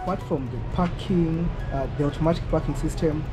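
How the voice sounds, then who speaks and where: A man's voice: on the high side, steady tone, a little fast, poor audio. Upbeat man vlogging over music. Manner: upbeat, mixes English and Swahili. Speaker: travel vlogger host. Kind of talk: casual travel vlog. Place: parked car, indoors. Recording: loud background music.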